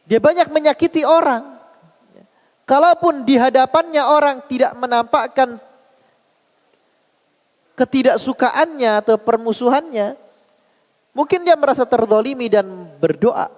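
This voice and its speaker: A male Islamic preacher with an Indonesian accent, giving a sermon, questioning his listeners and repeating key phrases slowly for emphasis. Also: very high-pitched. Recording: long hall reverb.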